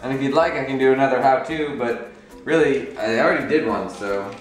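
A man's voice: medium pitch, fairly quick. A man hosting a food vlog, chatting casually to the camera and laughing often. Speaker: vlog host. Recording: echoey room with faint music.

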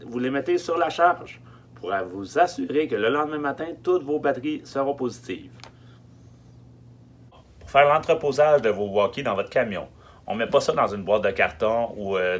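At medium pitch, a masked film production logistics technician from Quebec, in his thirties, offers informal instructions in a Quebec French accent. He's emphatic, returns to key words repeatedly, and hesitates between phrases. The small wooden-lined storage truck he's in comes with faint hum and background noise on the recording.

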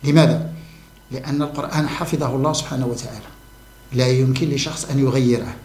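Fast-talking man, emphatic. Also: mid-range voice, fairly even intonation, darkish tone, reverberant. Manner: emphatic, repeats key words for stress. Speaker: religious commentator. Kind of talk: monologue to camera on the Quran.

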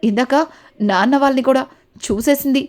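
A woman's voice: high voice, fairly quick, darkish tone, close to an everyday voice. A woman voicing a scheming young daughter-in-law who fakes tears and panics when caught, as in a recapped TV serial. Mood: whiny, panicked. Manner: feigned tearful complaining.

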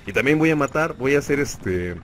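A young man with a Mexican Spanish accent narrates his own gameplay, cheering himself on in the third person and pleading with the game. His voice sits at an ordinary middle pitch. Loud gunfire and game noise run underneath. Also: fairly quick. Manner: excitable, talks to himself in third person, laughs often. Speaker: gaming channel host. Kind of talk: live gameplay commentary. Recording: noisy game audio behind voice. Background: gunfire and game sounds.

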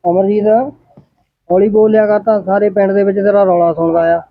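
A man's voice: high-pitched, level tone, fairly quick, no room sound, natural voice. A man with a Punjabi accent playing a timid, henpecked village husband in a comedy skit. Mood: meek. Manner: meek, placating. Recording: dull lo-fi sound.

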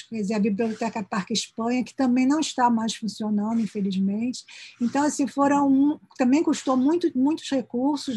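A woman giving an academic conference presentation over a video call, peppering her sentences with little tag questions and restarting phrases as she rushes to finish in time. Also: a little high, warm tone, breathy edge, no room sound. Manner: sprinkles "né" fillers and restarts mid-phrase; hurried toward the end of her time.

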